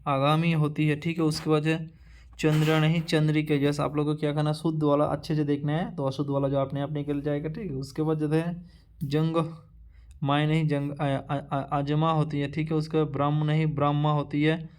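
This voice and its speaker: A male teacher running an exam-prep lesson, reading through a word list in a repetitive drilling way with halting restarts. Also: fairly high pitch, flat delivery, darkish tone, clear, resonant tone.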